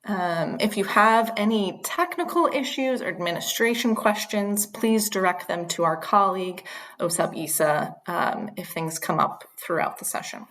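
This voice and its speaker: A woman's voice: medium pitch, normal speed, a bit bright, rough recording. A woman clinical social worker hosting an online training session, speaking earnestly with frequent ums. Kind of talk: webinar presentation.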